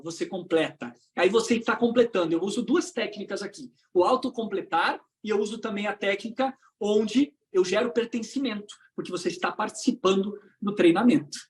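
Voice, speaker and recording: A woman with a Brazilian Portuguese accent giving an online coaching talk for trainers, swinging between loud emphasis and hushed low phrases. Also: moderate pace, hardly any pauses. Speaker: trainer and motivational speaker.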